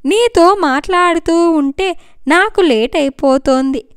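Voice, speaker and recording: A woman's voice: very high voice, a little slow, no room sound, clean studio sound. Woman voicing a grieving worried mother. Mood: sorrowful. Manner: emotional, pleading. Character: worried middle-aged mother, tearful and anxious.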